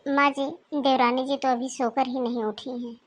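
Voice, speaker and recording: A woman voicing a dutiful, polite elder daughter-in-law in a cartoon, speaking softly and respectfully. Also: high voice, little pitch movement, normal speed, a little hiss or hum, close to an everyday voice. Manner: soft, respectful speech. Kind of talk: cartoon voice acting.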